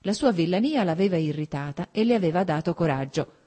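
A woman reading a novel aloud as narrator, in a measured, even literary style. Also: fairly low pitch. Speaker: audiobook reader. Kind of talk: scripted narration.

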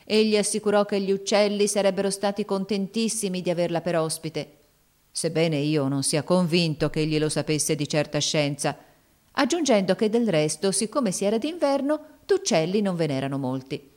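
A woman's voice: on the low side, normal speed, darkish tone. Woman reading a storybook aloud. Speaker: narrator. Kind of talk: audiobook reading.

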